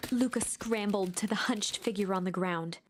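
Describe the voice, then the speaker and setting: A woman giving steady scripted narration for a story game. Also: medium pitch, moderate pace, background noise.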